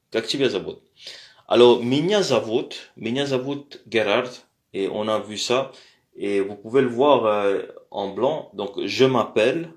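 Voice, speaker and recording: Male tutor, lowish voice, unhurried, halting, repeats words for practice. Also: roomy sound. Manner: hesitant, many pauses and fillers; repeats words slowly to model pronunciation. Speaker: language teacher. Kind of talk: slow spoken lesson.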